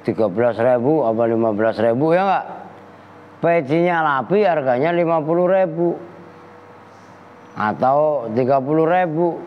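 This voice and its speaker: Joking kyai in a hall. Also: male voice, fairly high pitch, a little slow, long pauses. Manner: joking, teasing students by name. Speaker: kyai teaching a kitab class. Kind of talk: Islamic lesson. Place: pesantren hall. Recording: lo-fi roomy hall recording.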